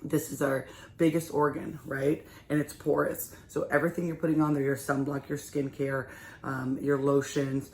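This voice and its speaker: A woman's voice: deep voice, little pitch movement, moderate pace, vocal fry, darkish tone. A hairdresser woman with a slight lisp walks viewers through a hair care routine in a casual, chatty way. She sounds roomy and echoey, recorded at a salon shampoo bowl with faint background noise. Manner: chatty, addresses viewers as you guys. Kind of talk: hair care tutorial vlog.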